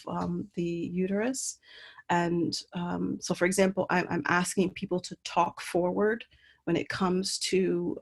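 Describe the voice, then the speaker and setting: This Puerto Rican woman has a lowish, creaky voice. She's an artist presenting slides of her work in an online talk, speaking hesitantly with lots of ums and restarts through a computer mic on a video call.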